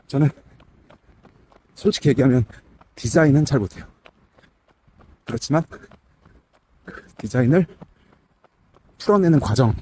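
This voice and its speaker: Man, middle-aged, casual talk while running, slightly breathless, warm relaxed tone, faint outdoor ambience. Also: mid-range voice, a little hiss or hum. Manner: talking while running, effortful. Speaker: running vlogger. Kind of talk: casual vlog chat. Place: outdoors on a waterside running path.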